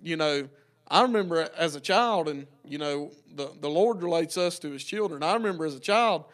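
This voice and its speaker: Man co-host, plain-spoken, fairly high voice, stumbles into sentences, desk mic. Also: lively intonation, moderate pace, a bit bright. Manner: plain-spoken, repeats words as he starts a sentence. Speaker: podcast co-host. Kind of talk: casual chat. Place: small room in a church, at a table. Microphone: desk mic on a stand.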